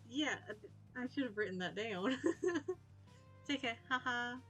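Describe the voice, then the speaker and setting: A woman's voice: fairly high pitch, a little slow, sharp tone. A woman hosting a gaming video, reading game text aloud and commenting in an informal, giggly, self-interrupting way. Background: music.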